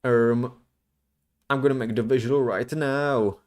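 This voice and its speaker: A man chatting casually as the host of a livestream, rambling in a slangy, halting way. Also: medium pitch, steady tone, darkish tone. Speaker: streamer, VTuber host.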